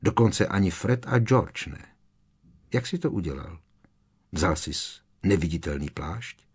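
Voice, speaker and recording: A man's voice: deep voice, expressive, slightly rough, heavily acted. A man voicing a sulky, sarcastic teenage boy wizard in an audiobook, with a doubtful drawl. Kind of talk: audiobook character reading.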